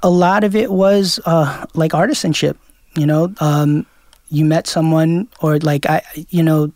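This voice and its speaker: A man's voice: fairly high pitch, steady tone, unhurried, darkish tone, dry recording, clean studio sound. A man from Queens, a DJ guest talking loosely in an interview, full of fillers and restarts. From Queens, New York. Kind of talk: casual interview chat.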